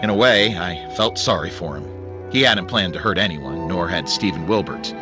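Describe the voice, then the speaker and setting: A man playing a measured, wry noir detective, a principled investigator narrating his case in an old-time radio drama. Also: sits low, lively intonation, over music. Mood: wry, reflective.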